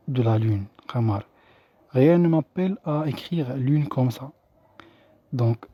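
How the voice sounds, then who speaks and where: Dark husky man teaching. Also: medium pitch, no room sound. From Morocco. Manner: explains slowly with many restarts and fillers. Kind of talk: recorded linguistics lesson.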